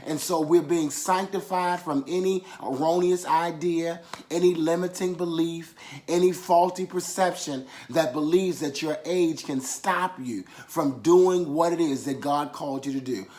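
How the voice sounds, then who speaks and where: Delivering a sermon, this man speaks unhurriedly in a fairly high, somewhat dark voice. Key phrases come back again and again for emphasis, and he prompts the congregation to echo affirmations back to him.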